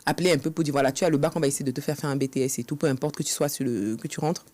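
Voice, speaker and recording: Her voice is deep and a little mellow, and she races along. She is a guest author on a podcast studio set, telling her own story with earnestness and dramatizing past exchanges in the interview.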